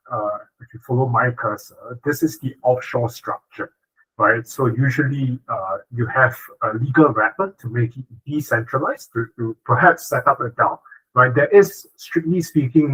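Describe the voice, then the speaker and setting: A man's voice: mid-range voice, moderate pace, fairly bright tone, husky, low-quality recording. A man from Singapore, a corporate lawyer giving a webinar talk over a video call, fluent and tagging points with "right?". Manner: fluent, frequent "uh" and "right?" tags. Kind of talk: online webinar presentation.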